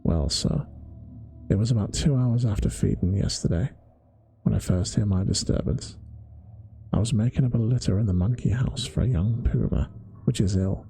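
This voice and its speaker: A man doing a grumbling old zookeeper with a rough London working-class accent. The voice sits deep and gravelly, with a dark, mellow tone. He talks bluntly and slowly in dialect, told as a bedtime-story ASMR reading. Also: faint music behind, natural voice. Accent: London working-class (put on). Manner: rough dialect, slow folksy telling.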